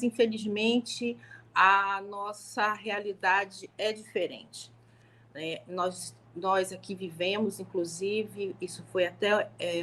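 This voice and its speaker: A woman's voice: medium pitch, fairly bright tone, a little hiss or hum. Middle-aged woman, carioca accent, law professor, chatty live-stream testimony with restarts. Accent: Rio de Janeiro (carioca), softened by years in Manaus. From Rio de Janeiro, Brazil. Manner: conversational, many fillers and restarts. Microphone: home live stream.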